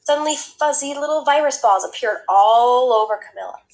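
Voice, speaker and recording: A woman reading a picture book aloud as a storyteller, with an animated, dramatic delivery. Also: fairly high pitch, normal speed, poor audio. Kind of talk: expressive children's read-aloud narration.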